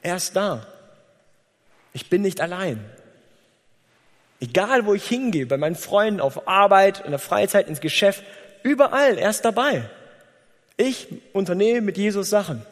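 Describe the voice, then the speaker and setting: A male preacher with a high, animated voice that rises and falls a great deal. He preaches in a conversational way and acts out short exchanges as he speaks. The sound carries the long reverb of a church hall. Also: normal speed, long pauses. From Germany. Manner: lively, conversational preaching with acted-out dialogue. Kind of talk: sermon.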